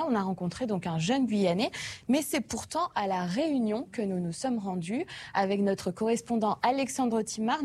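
A woman co-presenting a magazine show, introducing a filmed report in a lively, explanatory way. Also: mid-range voice, husky.

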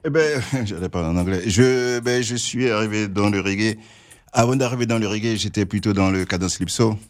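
Deep laid-back man from French Guiana. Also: a little fast. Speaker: reggae singer. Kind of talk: casual interview answers.

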